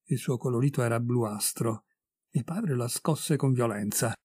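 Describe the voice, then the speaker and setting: Husky male audiobook reader, dry sound. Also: a little slow, dark tone, no echo. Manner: voices characters with raised pitch and emphasis. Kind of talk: expressive audiobook narration.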